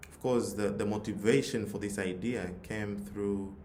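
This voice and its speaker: In a roomy, echoing space with audible background noise, a Tanzanian-accented man gives an earnest motivational talk at a forum, sharing a personal story and repeating phrases for emphasis. He heads a youth nonprofit. His fairly low voice is steady in tone, a little slow, and a little mellow.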